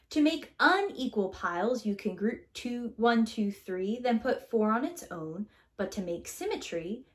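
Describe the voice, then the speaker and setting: In the manner of a preschool teacher, a woman reads a children's picture book aloud with a sing-song, theatrical, expressive delivery, her voice pitched a little high.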